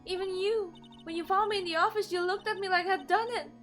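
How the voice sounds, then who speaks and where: A woman's voice: extremely high pitch, fairly even intonation, quick pace, a bit bright, soft background music, voice pushed up. A woman voicing a frightened young woman who stammers and pleads, breathless and upset. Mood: despairing.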